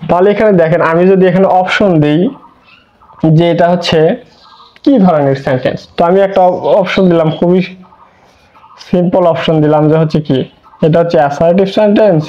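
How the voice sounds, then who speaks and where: A man's voice: sits high, fairly quick, pauses often, dark tone. A man teaching an online English grammar lesson, explaining step by step with repeated words and rhetorical questions. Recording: dull lo-fi recording.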